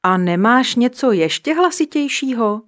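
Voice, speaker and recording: A cocky little dwarf boy from a storybook, bragging loudly and bristling at any criticism, as a woman puts him on. His voice leaps up high and goes loud when he insists he's right. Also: animated, close to an everyday voice. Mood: boastful. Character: boastful stubborn little male dwarf. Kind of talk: storybook reading.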